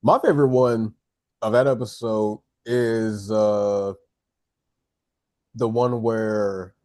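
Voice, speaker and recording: A man's voice: fairly low pitch, mellow, dry recording, clean studio sound. A man co-hosting a casual podcast chat, enthusiastic and jokey. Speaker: podcast co-host.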